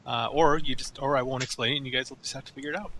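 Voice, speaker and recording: A man's voice: mid-range voice, fairly even intonation, racing, bright, forceful tone, slight background noise. A man running a tabletop game over voice chat, easygoing and hesitant, with lots of fillers and laughter. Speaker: game master.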